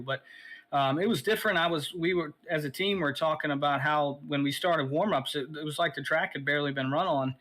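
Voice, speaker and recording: A man's voice: mid-range voice, a bit bright, poor audio. A man, a sim racing driver, a little out of breath, talking casually and rambling in a post-race interview.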